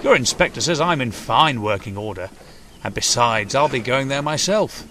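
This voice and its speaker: A man's voice: mid-range voice, expressive, moderate pace, bright, forceful tone, a little hiss or hum. A man voicing a polite little steam engine. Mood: eager. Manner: courteous, chatty.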